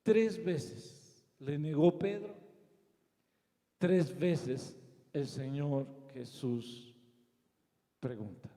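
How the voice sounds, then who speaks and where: A man with a Mexican Spanish accent preaching a sermon as pastor, telling the story dramatically, rising to shouts and sinking to soft tones. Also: fairly high pitch, extremely slow, pauses often. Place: church. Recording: long church hall reverb.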